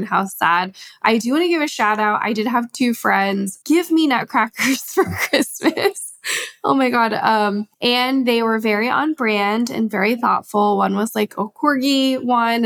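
Hoarse woman host, fairly high and raspy, chatty and sarcastic. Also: fairly bright tone. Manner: chatty and sarcastic, with many fillers. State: hoarse from a sinus infection. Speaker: podcast host. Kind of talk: casual chat.

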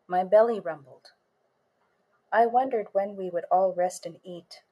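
A woman author and storyteller reading a first-person story in a measured way, lingering on images. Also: medium pitch, warm tone, husky.

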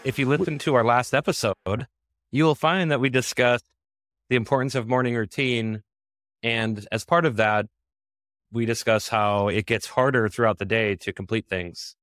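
A man's voice: medium pitch, steady tone, normal speed, fairly bright tone, dry recording, studio quality. A man hosting a casual podcast, upbeat and chatty, often laughing as he talks. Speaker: podcast host.

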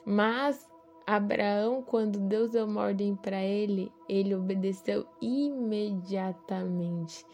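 A woman reading a scripture passage and then giving a short devotional reflection, speaking hesitantly with many pauses and fillers. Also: mid-range voice, steady tone, a little mellow, soft background music.

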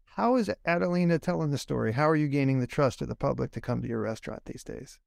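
A man's voice: mid-range voice, quick pace, vocal fry, a little mellow, dry recording, clean studio sound. A man hosting a business podcast, asking long upbeat questions. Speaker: podcast host. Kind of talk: interview hosting.

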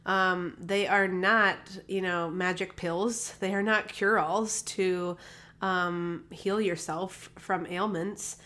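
Speaking slowly and steadily, a woman with a low, bright, forceful voice hosts her own health podcast solo. She's a holistic health practitioner who chats casually and rambles, restarting often and filling pauses. A recent cold leaves her a little nasal, and she's using a podcast microphone.

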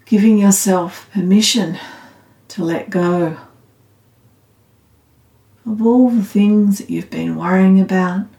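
A woman guiding a meditation in a calm, meditative, soothing tone, unhurried and leaving long pauses. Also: mid-range voice, creaky. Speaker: meditation guide. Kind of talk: guided loving-kindness meditation. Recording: roomy, slightly echoing sound.

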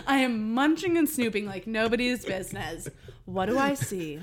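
Animated, laughing young woman telling a story. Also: a little high, measured pace. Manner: animated, laughs often, swears casually. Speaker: podcast co-host. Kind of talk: casual comedic storytelling.

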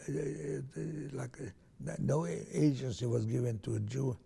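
A medium-pitched, warm voice belongs to an older man from Transylvania, Romania, who speaks Hungarian natively and is recalling his life in an oral history interview. He talks a little slowly, sounding gravelly and husky, and hesitates with frequent restarts.

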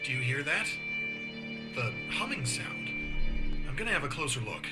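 A man's voice: mid-range voice, very animated, normal speed, natural voice. Young male lead, played by a man, retro radio drama: earnest, protective, romantic, wide swooping delivery over prominent music. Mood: alert, curious.

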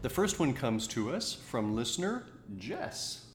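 A man's voice: mid-range voice, big pitch swings, measured pace, soft background music. A man co-hosting a podcast in casual chat, teasing with dry humor. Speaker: podcast co-host. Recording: roomy echo.

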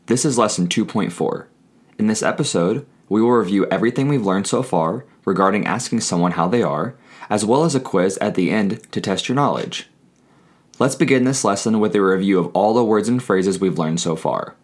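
A man hosting a scripted language lesson, switching between English and Spanish in a measured way, with prompts and repeated phrases. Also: lowish voice.

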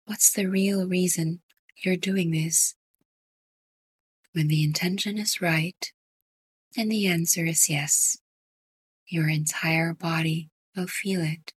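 A woman guiding a sleep meditation in a soft, breathy whisper. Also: on the low side, steady tone, no room sound. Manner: slow, soft whispered delivery. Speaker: meditation guide.

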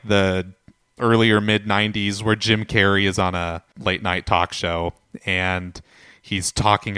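Podcast guy with a low smooth voice, chill storytelling, dry sound. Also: no echo. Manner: relaxed storytelling with fillers. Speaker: podcast co-host. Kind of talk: casual chat.

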